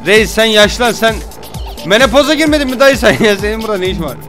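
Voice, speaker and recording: A young man giving casual let's-play commentary, jokey and excitable, swinging from low mutters to sudden yelps and shouts. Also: fast, soft background music. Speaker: gaming YouTuber.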